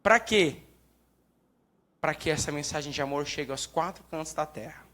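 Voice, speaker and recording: A young man with a Brazilian Portuguese accent giving a lively, joking sermon talk at church. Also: on the high side, moderate pace. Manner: lively, jokes and acts out quoted prayers. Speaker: church speaker.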